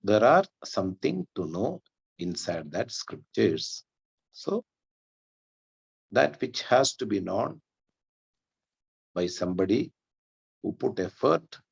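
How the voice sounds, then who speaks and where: A man, giving an online Vedanta lesson in a measured explanatory way, with chanted Sanskrit prayers. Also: fairly low pitch, creaky, a little mellow, slightly rough, highs cut off. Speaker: Vedanta teacher. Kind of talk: online class lecture.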